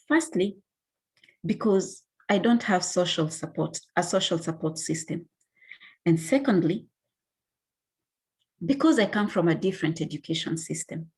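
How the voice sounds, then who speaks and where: Husky Kenyan woman, measured reading. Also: lowish voice, darkish tone. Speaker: conference panelist. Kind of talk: reading a personal narrative paper.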